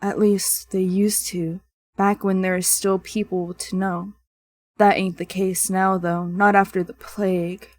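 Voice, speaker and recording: A woman voicing a lonely young village gravedigger girl in a deep, rough country voice. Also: little pitch movement, measured pace, a little mellow, no echo, clean studio sound, close to an everyday voice. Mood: wistful.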